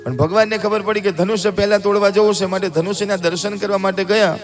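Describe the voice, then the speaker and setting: A man telling a devotional story as a sermon, lively and theatrical, speaking directly to the audience. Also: sits high, fast talker. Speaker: religious storyteller. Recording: live talk with music behind.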